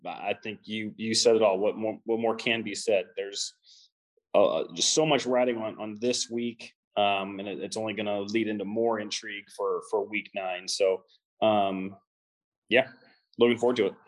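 A man with a fairly low voice co-hosts a casual sports talk show. He talks hesitantly, with many ums, false starts and restarts, as he weighs the matchups. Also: fairly even intonation, moderate pace, low-quality recording.

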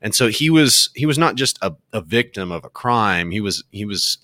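A man co-hosting a casual talk show, relaxed and earnest, with dry jokes. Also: fairly low pitch, moderate pace, dry recording. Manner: relaxed, earnest, joking aside. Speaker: show co-host.

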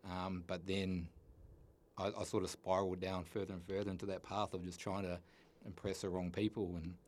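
New Zealand man in his thirties, very low voice, earnest and halting personal account. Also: flat delivery, a little mellow. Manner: earnest, halting with many restarts. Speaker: guest. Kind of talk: candid personal story.

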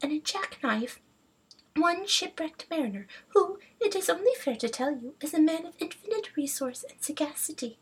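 A woman voicing a small clever male fish in a children's storybook reading, with a high, breathy, soft voice. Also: expressive, moderate pace, poor audio. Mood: sly, polite.

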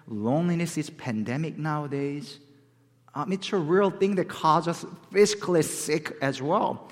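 A man from South Korea preaching as a guest speaker, in a conversational way that keeps asking his listeners questions. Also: mid-range voice. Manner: conversational, asks the audience questions. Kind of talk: sermon. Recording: long hall reverb.

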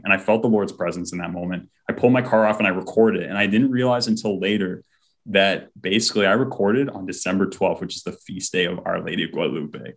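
A man telling an earnest personal faith story as an interview guest, often acting out what people said. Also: low voice. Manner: heartfelt, often acts out quoted speech.

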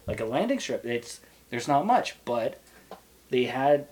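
A man's voice: mid-range voice, very animated, unhurried, a little mellow. A man from Quebec chatting casually about history on a podcast, rambling along with plenty of fillers and restarts. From Quebec, Canada. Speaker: podcast guest.

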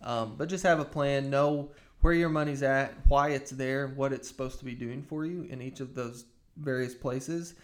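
A man gives conversational financial commentary as a podcast co-host. His voice is medium in pitch, and he speaks a little haltingly, reshaping phrases as he goes.

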